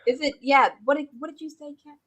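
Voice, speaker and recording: A woman chats in a casual team meeting, joking around and laughing easily. Her voice is bright and sits a little high. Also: fairly even intonation, fast talker, poor audio. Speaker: team member.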